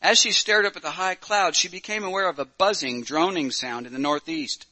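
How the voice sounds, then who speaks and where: A man's voice: fairly high pitch, fairly quick, pushed and bright, poor audio. A male preacher who reads a story aloud and then preaches in a plain-spoken way, with self-deprecating asides and hesitant fillers. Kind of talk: sermon with story reading.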